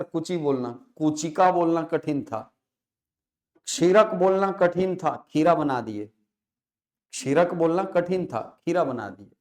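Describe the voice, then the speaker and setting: A man teaching a classroom lecture. He asks questions, answers them himself, and repeats key words slowly to stress them. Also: high-pitched, darkish tone.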